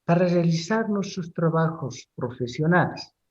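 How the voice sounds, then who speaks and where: A middle-aged man giving a university class lecture, speaking deliberately, pausing and repeating words as he explains. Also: fairly high pitch, lively intonation, highs cut off.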